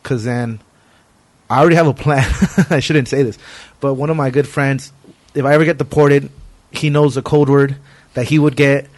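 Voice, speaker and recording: A man's voice: mid-range voice, fairly even intonation, normal speed, a little mellow, no room sound. A man hosting a podcast, talking casually and earnestly in informal, slangy language. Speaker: podcast host. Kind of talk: casual conversation.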